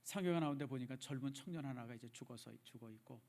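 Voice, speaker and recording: A middle-aged male pastor preaching in a church, emotive, dropping from loud emphasis to hushed, near-whispered repeats. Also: medium pitch, fast. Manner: addresses the congregation directly, repeats phrases for emphasis. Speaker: senior pastor. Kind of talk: sermon. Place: church sanctuary.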